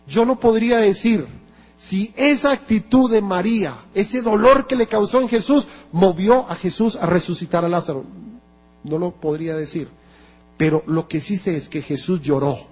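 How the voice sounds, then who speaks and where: A man with a Colombian Spanish accent preaching a sermon in a church, slow and emphatic, asking the congregation rhetorical questions. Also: fairly high pitch, a little mellow, breathy edge. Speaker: pastor. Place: church hall. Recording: lo-fi church recording with long reverb and mains hum.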